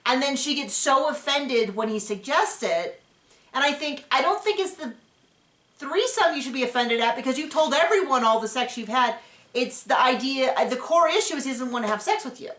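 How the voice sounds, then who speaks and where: A woman's voice: high voice, expressive, moderate pace, a bit bright. A woman hosting a show recap in casual, rambling chat, often acting out what others said. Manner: rambling and chatty, acting out quotes. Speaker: podcast host recapping a reality show. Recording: roomy echo.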